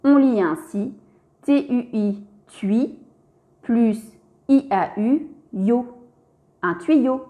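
A woman narrates a reading lesson for small children at a very slow, careful pace, sounding out each letter and syllable. Her voice is mellow and fairly high, and she speaks straight to the child. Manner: addresses a young child directly and gently.

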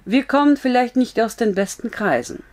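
A woman's voice: fairly high pitch, animated, normal speed, a little mellow, voice pushed up, lightly acted. A woman voicing a frank young woman. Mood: earnest. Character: frank young woman, blunt but comforting.

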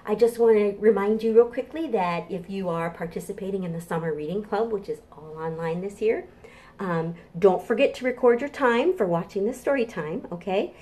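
A middle-aged woman acting as a children's librarian presents a preschool storytime, using a mid-range, slightly mellow voice at a normal speed. She speaks to small children and their parents in a simple, encouraging way. It was recorded indoors in a home kitchen with the camera a short distance away.

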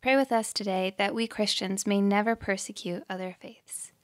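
A woman hosting a prayer podcast, reading scripted prayers in a slow, measured, prayerful way. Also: medium pitch. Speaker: podcast host leading prayer.

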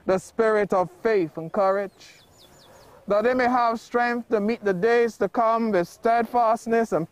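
A clergyman reading funeral prayers at a graveside in a solemn, measured, formal manner. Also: high-pitched, smooth, no echo. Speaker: officiating clergyman. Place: outdoor cemetery graveside.

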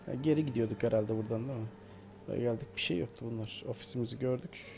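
A man giving casual, joking commentary over his own gameplay, often talking to the characters on screen. His voice sits at an ordinary middle pitch, with a faint hiss in the background. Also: rapid-fire, gravelly, a little mellow. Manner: playful, joking, talks to the game. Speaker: gaming video host. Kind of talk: casual let's-play commentary.

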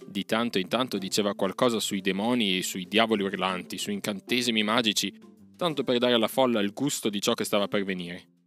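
A man narrating a classic story aloud with a measured, expressive reading. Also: lowish voice. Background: faint music.

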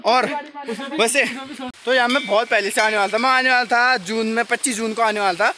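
A man's voice: very high voice, steady tone, a little fast, pushed and bright, slight background noise. A young man narrating a casual travel vlog while walking outdoors, talking into a handheld phone camera. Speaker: travel vlogger. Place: outdoors at a hill temple.

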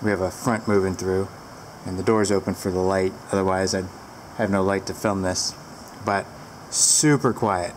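Very low-voiced woman reviewing a heater. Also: moderate pace, hardly any pauses, a little hiss or hum. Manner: relaxed, rambling, with fillers. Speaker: product reviewer. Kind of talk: casual product review. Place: large barn indoors, door open to wind. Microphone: handheld camera.

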